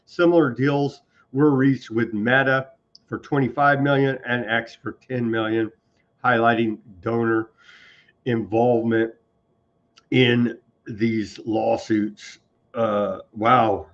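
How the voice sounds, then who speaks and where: Man reading headlines, dull lo-fi audio. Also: medium pitch. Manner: reads headlines, then adds wry asides. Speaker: news show host. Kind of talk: reading news headlines with commentary.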